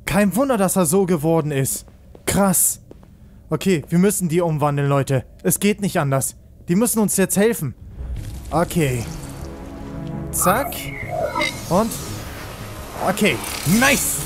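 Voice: medium pitch, expressive, takes it slowly, long pauses. Casual let's player over game music. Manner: reacts aloud to the game, addresses viewers. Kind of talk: casual gameplay commentary.

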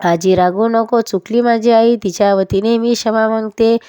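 A woman's voice: on the high side, fairly even intonation, normal speed, mellow, clean tone, dry recording, studio quality, close to an everyday voice. A woman voicing a young princess who begs an old woman for forgiveness in a devotional story. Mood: pleading. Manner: pleading.

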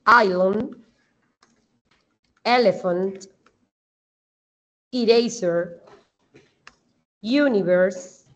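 A woman's voice: medium pitch, drawn-out words, long pauses, highs cut off. A woman with a Colombian Spanish accent teaching English grammar in an online class, explaining step by step and checking that the students understand.

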